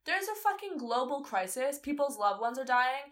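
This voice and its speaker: A woman's voice: high voice, sing-song, normal speed, a bit bright. Emphatic, fired-up woman podcaster. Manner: emphatic, heated, swears casually. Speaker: podcast co-host. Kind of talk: casual chat.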